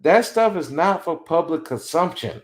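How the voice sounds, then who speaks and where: A man in his forties, his voice a little high and his pace normal, hosts a podcast. He gives blunt, animated commentary laced with opinion, mocking others as he quotes them from time to time.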